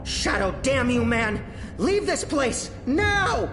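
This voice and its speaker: High, anguished man shouting mid-struggle. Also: big pitch swings, takes it slowly, exaggerated voice. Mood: straining, urgent. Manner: straining and shouting as if in a physical struggle. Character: desperate, anguished male engineer confronting betrayers. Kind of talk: dramatic video game acting. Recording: echoey hall reverb with music.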